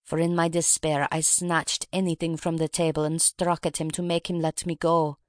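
A reader playing a proud, grave Russian woman revolutionary who makes a dignified confession in an audiobook. The recording is dry and close, with a middle pitch. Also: level tone, moderate pace, dry recording, natural voice. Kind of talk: audiobook reading.

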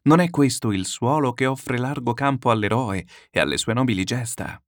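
A man reading a literary text aloud, declamatory and lyrical, with slow solemn pauses. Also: mid-range voice, dry recording, studio quality. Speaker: reader.

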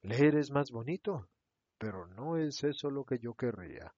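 A man voicing a poor, gentle orphan boy who speaks softly and pleadingly. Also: medium pitch, animated, measured pace, no room sound. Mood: earnest. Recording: dull, dry lo-fi recording.

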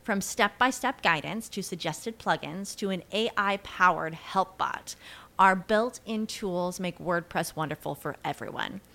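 A woman's voice: on the low side, a little slow, gravelly. A woman reading a scripted web-hosting commercial in a polished, upbeat sales manner. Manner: bright, polished sales delivery. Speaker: ad announcer.

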